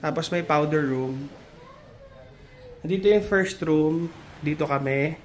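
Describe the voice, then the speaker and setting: Unhurried chatty woman vlogger. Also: deep voice, a little mellow, slight background noise. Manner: chatty, exclaiming tour guide. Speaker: family vlogger. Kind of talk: casual walk-through vlog. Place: beach resort house, indoors and out.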